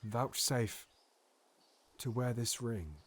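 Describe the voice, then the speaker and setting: In a Shakespearean audio drama, a man voices a scheming, silver-tongued nobleman, swinging theatrically from hushed pleading to loud exultation. His medium-pitched voice draws out words in a mood of smooth persuasion.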